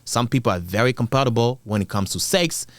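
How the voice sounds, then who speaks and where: A man's voice: mid-range voice, a little fast, fairly bright tone, no echo. A man hosting a drama channel, giving casual, blunt, slangy reaction commentary with repeated rhetorical questions.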